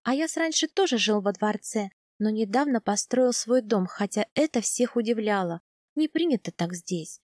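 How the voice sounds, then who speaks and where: A woman calmly narrating a first-person audiobook in an even storytelling manner. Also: medium pitch, normal speed, no echo, clean studio sound.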